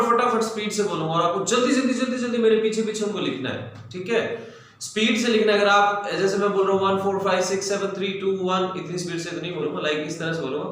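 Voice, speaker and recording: A man teaching a quick mental math drill, dictating numbers briskly and repetitively. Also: sits high, a bit bright. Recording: echoey room, faint ambient noise.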